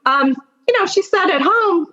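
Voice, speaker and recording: Her voice is very high, bright, and pushed, expressive at a normal speed, with the top frequencies cut off. She's a middle-aged attorney and mentor guesting on a podcast, speaking straight to the listener as she shares personal stories and career advice with emphatic encouragement.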